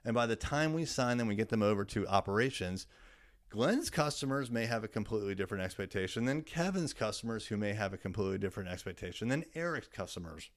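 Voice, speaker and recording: A man's voice: fairly low pitch, animated, quick pace. A man giving a solo business talk as a podcast host, explaining in a coaching style with emphatic repetition of key words.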